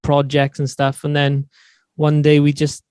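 A man's voice: a little high, monotone, unhurried, a little mellow, smooth, no echo. Podcast guest, male, Swansea Welsh accent, clean tone, close dry sound, matey and informal. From Swansea, Wales. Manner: matey, informal, peppered with "you know". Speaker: podcast guest, band musician and songwriter. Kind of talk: casual interview chat.

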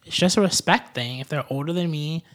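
A man's voice: fairly high pitch, brisk, a bit bright, a little hiss or hum. A man in his twenties co-hosting a podcast, telling jokey stories in a dry, casual way. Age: 20s. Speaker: podcast co-host. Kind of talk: casual chat.

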